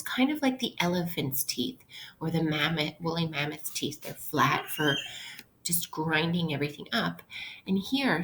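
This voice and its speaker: An elementary school teacher with a lowish, slightly bright voice leads an interactive read-aloud lesson, explaining things simply for children. The recording is rough with slight background noise.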